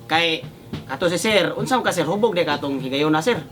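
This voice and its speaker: A man playing a show host in a comedy skit, coaxing and calming both sides with laughs. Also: on the high side, a little fast. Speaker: mock radio host mediating a complaint. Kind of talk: comedy sketch acting. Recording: music playing behind.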